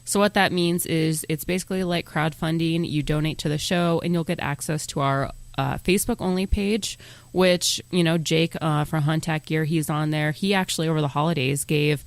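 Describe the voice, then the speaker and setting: A woman's voice: low voice, steady tone, moderate pace, gravelly, no echo. A woman co-hosting a podcast, chatting casually and running through the show plugs in a brash, joking way. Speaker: podcast co-host.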